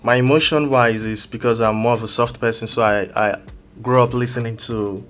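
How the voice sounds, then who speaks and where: A man's voice: medium pitch, steady tone, a little fast, fairly bright tone. A man talking casually as a music producer being interviewed, hesitant and feeling for his words as he explains. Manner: hesitant, searching for words, roundabout phrasing.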